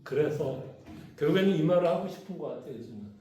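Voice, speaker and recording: Pastor leading Bible study, high and animated voice, roomy echo, keeps quizzing his listeners. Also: fast talker. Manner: conversational, asks the congregation questions. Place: church hall. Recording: echoey church room.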